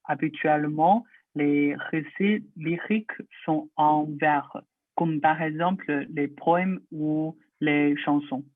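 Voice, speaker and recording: A man's voice: on the high side, steady tone, takes it slowly, no room sound. A man whose first language is Chinese, carefully reading a French text aloud with fillers, over tinny video-call audio.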